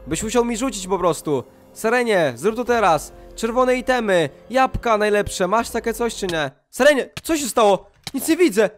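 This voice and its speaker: A high-pitched young-sounding man running through a game, chatting straight to his audience. He talks in an excitable, jumpy way and breaks into surprised yelps. Faint music plays underneath. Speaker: gaming YouTuber. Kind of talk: let's-play commentary.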